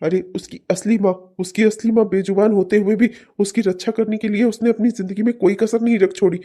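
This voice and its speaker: A man's voice: high voice, fairly even intonation, a little fast, warm tone. A furious, protective cartoon father. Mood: furious, accusing. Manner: furious and scolding. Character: angry protective village father. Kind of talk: cartoon voice acting.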